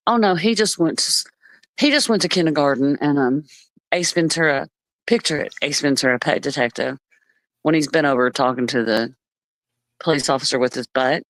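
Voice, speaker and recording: A woman telling family stories in a casual live chat, animated and laughing often. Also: deep voice, brisk, dry recording. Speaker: live stream co-host.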